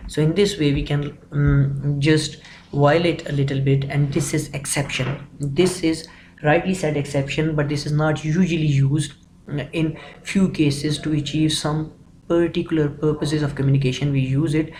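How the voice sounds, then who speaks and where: Man teaching grammar, slightly high. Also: little pitch movement, normal speed, darkish tone, slight background noise, low-quality recording. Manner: methodical, repeats phrases while explaining. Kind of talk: explanatory grammar lecture.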